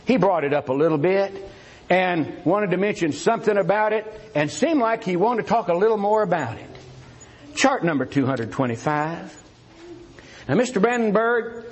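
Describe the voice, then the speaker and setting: High-voiced man debating combatively. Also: rough recording. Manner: combative, rhetorical questions, taunting opponent. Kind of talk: formal religious debate speech.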